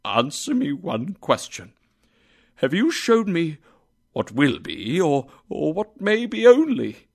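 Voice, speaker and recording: A man voicing an old male miser who cries out in an excitable, exclamatory way. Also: on the high side, unhurried, vocal fry, exaggerated voice. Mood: pleading.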